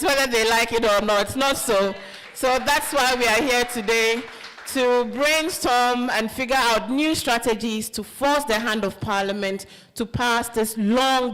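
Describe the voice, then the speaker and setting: A woman's voice: a little high, a bit bright, poor audio. A woman moderating a public forum, speaking with energy into a handheld mic and leading the audience in call-and-response. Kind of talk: opening remarks at a public forum. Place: conference hall with a seated audience. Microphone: handheld microphone.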